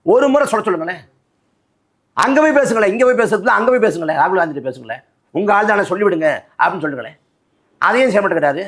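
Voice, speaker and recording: Male party spokesman, fairly high voice, very lively pitch, combative and rhetorical in a political interview. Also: very fast, long pauses. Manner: forceful, rhetorical, repeats phrases for emphasis.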